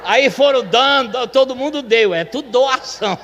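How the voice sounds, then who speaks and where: A man with a high voice tells a testimony from the pulpit, chatty and animated, and acts out the voices of the people in his story. His voice rings through a church sanctuary with a long reverb. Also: a little slow, muffled recording, a little hiss or hum. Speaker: church elder telling a testimony.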